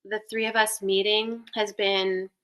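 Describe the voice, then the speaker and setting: A woman with a bright, sharp voice answers in a casual, affirming chat. She drops softer between phrases as she searches for words. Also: medium pitch, flat delivery, measured pace, smooth. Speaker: fellow spiritual practitioner.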